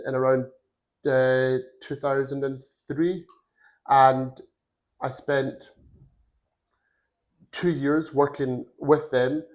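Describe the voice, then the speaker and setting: A man in his forties, from Glasgow, telling his career story as a podcast guest. He rambles in an earnest way, with a voice of middling pitch for a man. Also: a little mellow. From Glasgow, Scotland. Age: 40s. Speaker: podcast guest, recruitment firm founder. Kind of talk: casual career interview.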